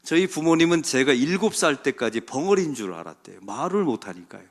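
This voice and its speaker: A middle-aged man, a senior pastor, preaching a sermon in a church sanctuary with emphatic swings from loud calls to hushed asides. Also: medium pitch, big pitch swings, brisk.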